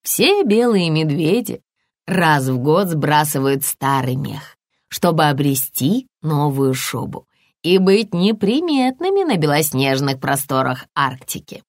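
A woman voicing a calm mother polar bear in a children's story, slow and gently explaining. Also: low-pitched, no echo, studio quality, exaggerated voice. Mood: gentle.

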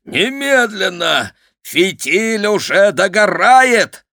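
A man's voice: sits high, expressive, takes it slowly, sharp tone, no room sound, studio quality, pitched above the performer's own voice, heavily acted. A man voicing a hot-tempered adult male pyrotechnician villain who barks furious threats. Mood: shrieking.

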